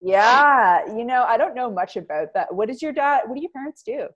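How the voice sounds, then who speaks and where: A woman hosting a casual podcast interview, blunt and quick to swear. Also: on the high side, lively intonation, reverberant, dull audio. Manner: blunt and profane. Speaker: podcast host. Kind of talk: casual chat.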